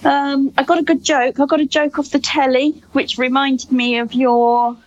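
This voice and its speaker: A woman's voice: high voice, flat delivery, moderate pace, highs cut off. Chatty, laughing middle-aged Englishwoman. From United Kingdom. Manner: warm-hearted, laughs often, jokey. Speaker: mother. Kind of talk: casual chat.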